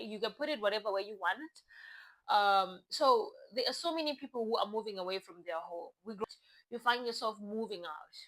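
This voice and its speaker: A woman's voice: medium pitch, a bit bright, low-quality recording. A young woman from Zimbabwe talking casually to the camera as a vlogger, chatty and often restarting her phrases.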